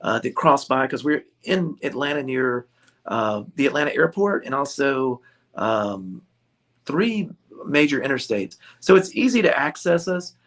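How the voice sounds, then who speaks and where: With a medium pitch and lively intonation, the man talks a little slowly. He's an American who runs a ukulele shop, and in this interview he chats easily, jokes, and laughs a lot.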